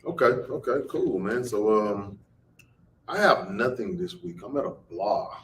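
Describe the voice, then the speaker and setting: A man's voice: fairly low pitch, animated, a little slow, a bit bright, far from the mic. A man co-hosting a podcast, chatting casually, laughing and repeating himself. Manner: laid-back, laughs often, repeats himself. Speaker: podcast co-host. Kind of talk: casual chat. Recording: roomy echo, off-mic, faint hiss.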